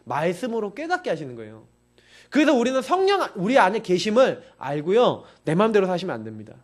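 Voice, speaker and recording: A man's voice: high voice, huge pitch swings, fast talker. A man pastor preaching a sermon in an emphatic, insistent way, urging his listeners again and again.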